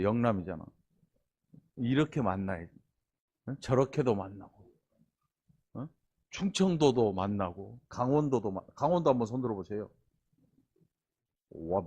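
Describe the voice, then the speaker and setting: Folksy pastor with a lilt. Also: male voice, fairly low pitch, a little mellow. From Honam region of Korea. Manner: folksy, teasing the congregation with asides and questions. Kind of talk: sermon.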